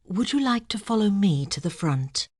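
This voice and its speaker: A woman reading a soft-spoken gentle male pastor. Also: medium pitch, expressive, normal speed, dry recording, studio quality, natural voice.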